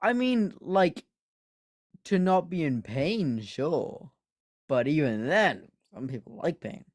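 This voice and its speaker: A man's voice: on the high side, lively intonation, no room sound. Rambling man with a dry, close sound. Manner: halting, rambling storyteller with frequent false starts. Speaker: panelist on a live debate stream. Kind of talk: casual chat and anecdote. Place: online voice call.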